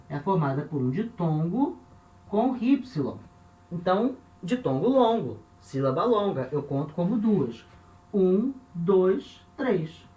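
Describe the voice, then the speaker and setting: A man's voice: a little high, lo-fi sound. A man with a Brazilian Portuguese accent teaching a grammar lesson at a board, patient, repeating key points and checking in with listeners as he goes. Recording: roomy echo.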